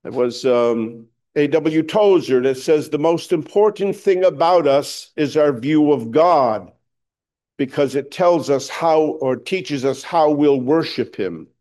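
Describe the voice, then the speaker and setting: A male pastor preaching a sermon with a scratchy voice, clearing his throat often and speaking in a slow, deliberate way. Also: a little high, animated, darkish tone.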